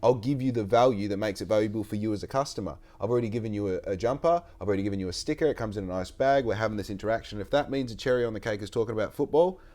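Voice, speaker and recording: Australian bloke, late 20s, podcast host; rambly, swears a lot, lowish voice. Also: male voice, rapid-fire, hardly any pauses, darkish tone. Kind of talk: casual chat.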